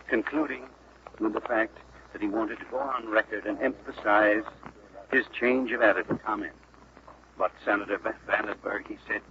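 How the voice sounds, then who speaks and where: A man reporting live from a legislative chamber and reading a resolution at a measured pace, heard on an old 1940s radio broadcast. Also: on the low side. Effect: old 1940s radio broadcast sound. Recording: muffled lo-fi archival radio with faint hiss.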